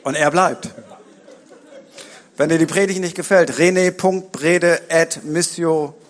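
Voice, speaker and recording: A man's voice: on the high side, fairly even intonation, slow pace. A man preaching a sermon as guest preacher, building up repeated rhetorical lines and dropping in joking asides, recorded in a church.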